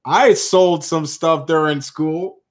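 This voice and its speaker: Male auction host with a high voice and an unhurried pace; chatty, calls bids like a sports commentator. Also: fairly even intonation. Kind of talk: live-stream coin auction patter.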